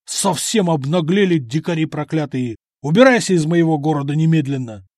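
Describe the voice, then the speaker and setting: A man's voice: on the high side, expressive, measured pace, a little mellow, no echo, studio quality. A man voicing a proud, greedy middle-aged count who speaks arrogantly and indignantly.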